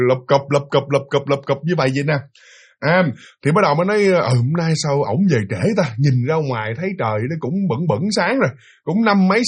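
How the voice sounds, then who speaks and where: Husky, fast-talking male ghost storyteller. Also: sits high. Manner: chatty and dramatic, mimicking voices. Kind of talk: spoken ghost story telling.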